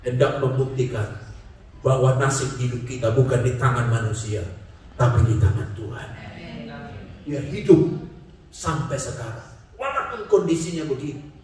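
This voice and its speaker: A male pastor giving an impassioned sermon, swinging between soft passages and shouting. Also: medium pitch. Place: church sanctuary. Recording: very echoey, from far off the mic.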